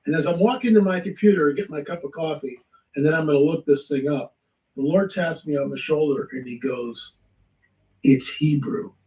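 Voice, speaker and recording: Animated high-voiced man, echoey and distant. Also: a little fast. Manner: animated storytelling, acts out quotes. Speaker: guest. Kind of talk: testimony in a talk show.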